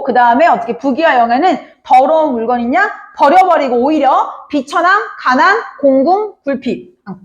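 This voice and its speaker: A woman teaches a literature class in a high, lively voice that jumps all over as she explains. She keeps turning to her students with quick questions to check that they follow. The sound is a bit muffled and lo-fi. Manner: addresses students often, asks many check questions. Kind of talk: classroom lecture.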